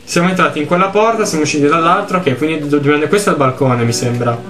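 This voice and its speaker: A young man from Italy doing let's play commentary, excitable and quick to swear as he reads game text aloud. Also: a little high, soft background music. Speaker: gaming YouTuber.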